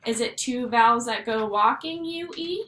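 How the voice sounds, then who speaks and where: A woman teaching a phonics lesson to first graders, sounding out letters slowly and clearly. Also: on the high side, lively intonation, a bit bright. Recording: echoey room with faint noise.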